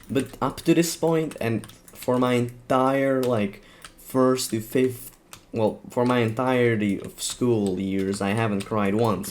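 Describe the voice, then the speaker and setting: A man's voice: mid-range voice, a little hiss or hum. Rambling self-mocking young man gaming. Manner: rambling, self-mocking, laughing at his own story. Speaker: gaming YouTuber. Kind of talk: casual storytelling while playing a game.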